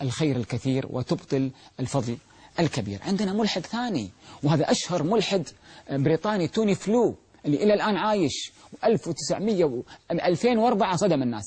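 A man's voice: fairly high pitch, darkish tone, slightly rough. A man giving a televised religious talk, emphatic, asking rhetorical questions and answering them himself. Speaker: religious lecturer.

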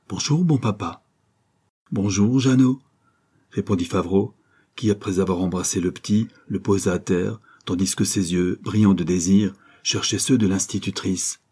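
A man reading a classic serial novel aloud as an audiobook narrator, in a measured storytelling manner. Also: low voice, dark tone, breathy edge. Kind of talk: scripted narration.

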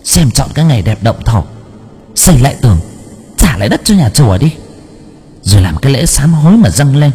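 A man's voice: mid-range voice, big pitch swings, a little fast, long pauses, dark tone, long reverb tail, slight background noise, pitched above the performer's own voice, close to an everyday voice. A man voicing a stern possessed spirit medium who scolds and lectures the people who come to ask questions, in an audiobook. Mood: stern scolding. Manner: scolding, commanding. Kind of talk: audiobook character voice.

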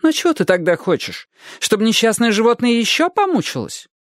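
A woman's voice: on the high side, sing-song, brisk, no room sound, studio quality, voice pushed up. A man voicing a curt, scolding old grandmother. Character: brisk stern elderly grandmother.

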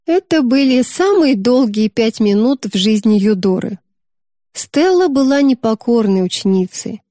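A woman narrating a novel in a smooth, expressive storybook reading. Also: fairly high pitch, a little slow, no room sound, studio quality.

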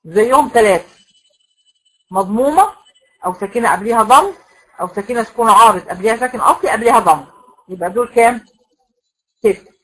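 A woman's voice: fairly high pitch, expressive, fast talker, pauses often, fairly bright tone, husky, poor audio. Egyptian woman teaching a recitation class. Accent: Egyptian Arabic. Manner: explains step by step, asks the class questions and answers them herself. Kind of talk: classroom lecture.

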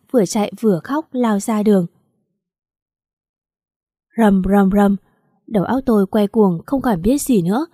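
Woman reading a story out loud, mellow voice, super dry close mic. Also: mid-range voice, no room sound. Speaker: story reader. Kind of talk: first-person audiobook narration.

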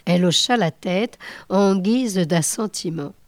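A woman reading a novel aloud in a measured, unhurried way. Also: fairly low pitch, a little mellow, no echo. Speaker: reader.

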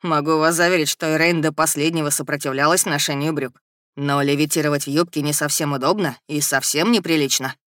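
A man plays an earnest young nobleman with a passion for invention, speaking in an audiobook. His tone is bright and forward, his manner calm and reassuring, and the recording is dry and close. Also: fairly high pitch, fairly quick, no echo, close to an everyday voice. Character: young male lord, earnest inventor, gentle. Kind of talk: audiobook character reading.

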